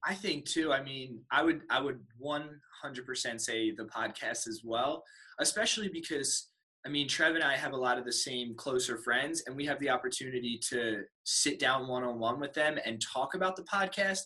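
A young adult man co-hosts a podcast in casual conversation. His voice is bright and forceful at an ordinary pitch. He explains his thoughts earnestly. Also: moderate pace, poor audio. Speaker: podcast co-host. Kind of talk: casual interview chat.

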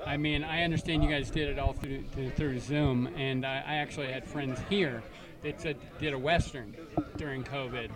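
A man's voice: medium pitch, steady tone, moderate pace, hardly any pauses, far from the mic, a crowd in the background. A man from Canada interviewing filmmakers, joking and stammering through his questions. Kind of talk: casual interview.

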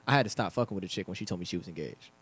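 A man's voice: deep voice, rapid-fire, fairly bright tone, husky. A man chatting casually, repeating himself often, with slang and swearing. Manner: repetitive, slangy, profane. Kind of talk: casual group chat.

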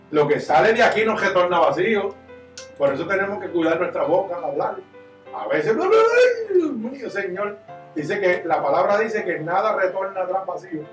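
A man preaching a sermon as pastor, impassioned and swinging from loud to hushed. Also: sits high, far from the mic. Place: church. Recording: echoey church room, miked from afar, soft guitar behind.

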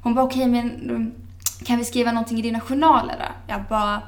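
A young woman, a podcast guest, telling a personal story in a lively way and acting out the dialogue she remembers. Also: fairly high pitch. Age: young adult. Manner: lively storyteller who acts out quoted dialogue. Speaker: interview guest. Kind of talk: casual podcast interview.

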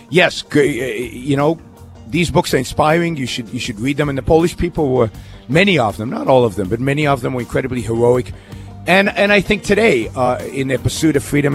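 Radio host, man from israel, earnest, faint music behind, stumbles and restarts a lot. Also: mid-range voice. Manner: earnest, with many restarts and fillers. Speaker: radio talk show host. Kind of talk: call-in radio talk.

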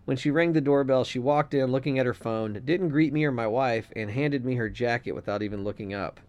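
A man's voice: mid-range voice, a little fast, a little mellow, muffled recording. A man co-hosting a casual podcast, reading a listener letter aloud and giving blunt, opinionated takes with some swearing. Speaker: podcast co-host.

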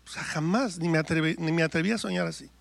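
A man's voice: fairly high pitch, fast, gravelly. A man, a worship singer telling his story and preaching in church, acting out quoted dialogue. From Mexico. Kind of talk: testimony and sermon.

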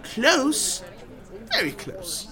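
An actor playing a grandiose travelling bard in a fantasy audio drama, with florid old-fashioned speech and dramatic pauses. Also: mid-range voice, big pitch swings, bright, forceful tone, some chatter behind, full character voice. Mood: ominous, boastful. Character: flamboyant, grandiose travelling bard, theatrical storyteller.

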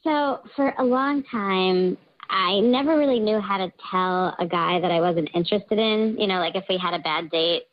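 A woman's voice: medium pitch, moderate pace. A woman speaking through a voice changer as an anonymous talk-show guest, giggly and nervous, chatty with lots of fillers. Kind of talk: casual confession on a talk show. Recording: dull lo-fi voice-changed audio.

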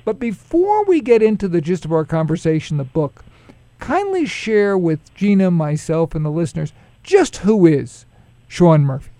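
A man with a Brooklyn accent hosting a radio interview show, speaking in formal, deliberate, courteous phrases. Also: sits high, sing-song, dark tone, no room sound. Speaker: radio show co-moderator and host. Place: radio studio.

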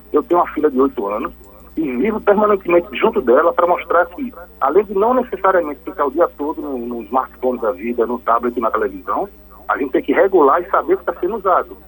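A man calling in to a radio show to explain technology topics, heard over a phone line, speaking in a measured, explanatory way with frequent restarts. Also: a little high, fairly bright tone, breathy edge.

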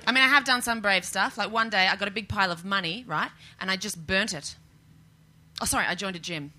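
A woman's voice: medium pitch, fairly quick, pushed and bright. A young Australian woman doing a stand-up set, chatty and self-mocking with punchy delivery. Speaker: stand-up comedian.

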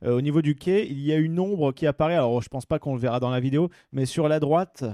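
A man's voice: a little high, quick pace, warm tone, dry recording, studio quality. A man co-hosting a casual podcast who hesitates often and adds precise details. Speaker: podcast co-host. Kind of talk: casual chat.

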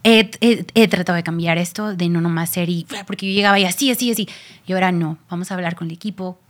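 A woman pastor in casual podcast chat who tells her stories in an animated way and uses frequent fillers. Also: fairly low pitch, fast.

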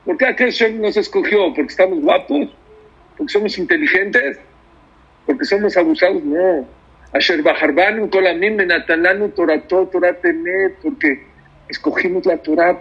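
A man preaches a sermon with emphatic rhetorical questions. His voice is husky and slightly high. The recording sounds dull and lo-fi. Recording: dull lo-fi audio.

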